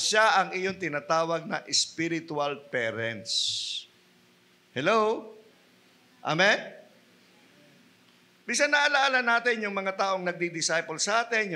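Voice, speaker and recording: A Filipino man preaching a sermon in church, mixing English phrases into his talk, calling out to the congregation and swinging from quiet asides to loud, emphatic peaks. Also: fairly high pitch. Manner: mixes English into Tagalog, asks the congregation "Hello?" and "Amen?". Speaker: pastor.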